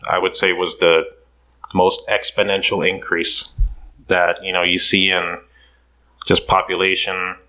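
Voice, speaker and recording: A man in his thirties from Curaçao, a podcast guest telling his story in a relaxed way with many fillers. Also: low-pitched, unhurried, long pauses, rough recording. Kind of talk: casual interview.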